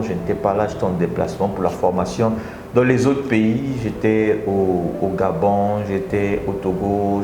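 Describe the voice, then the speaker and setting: A man from the Republic of the Congo hosting a casual live stream from his office, energetic and talking straight to his viewers, often repeating his phrases. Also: deep voice, reverberant, background noise. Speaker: live stream host and speaker.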